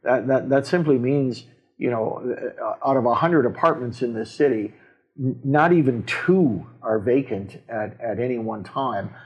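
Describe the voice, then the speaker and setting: A man, a city mayor, explaining council decisions in casual talk, halting with many fillers and restarts, with a Canadian accent. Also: medium pitch, breathy edge, dull audio. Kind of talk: casual civic discussion.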